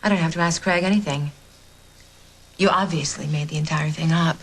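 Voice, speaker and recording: An actress playing a sharp-tongued, scornful woman in a daytime soap opera feud. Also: deep voice, fairly even intonation, a little fast, lightly acted. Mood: dismissive. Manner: sarcastic, cutting. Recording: music playing underneath.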